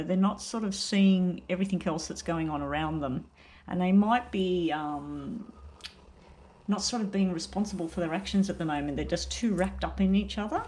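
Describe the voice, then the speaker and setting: A woman giving a casual, unhurried tarot card reading while suffering from a very sore throat. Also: mid-range voice, darkish tone. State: very sore throat, may choke up.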